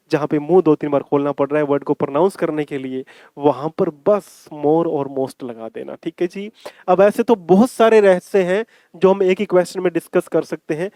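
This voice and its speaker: A man teaching English grammar for exams, coaxing students and checking "ठीक है?" often, reading his English examples slowly. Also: on the high side, dark tone, dry recording. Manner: coaxing, repeats points, asks 'ठीक है?' often; slow drawn-out English example sentences. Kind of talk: exam-prep grammar lesson in Hindi with English.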